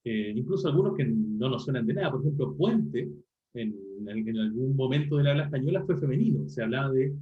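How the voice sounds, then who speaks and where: A man's voice: mid-range voice, animated, a little fast, roomy sound, narrow, tinny audio. A man, teaching an online class and explaining step by step, often repeating words as he thinks. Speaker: university language teacher.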